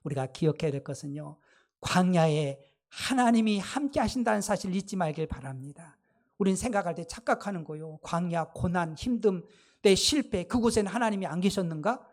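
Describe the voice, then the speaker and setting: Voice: mid-range voice, expressive, brisk. A pastor preaching a sermon with emphatic delivery, putting rhetorical questions to the congregation and calling out exclamations.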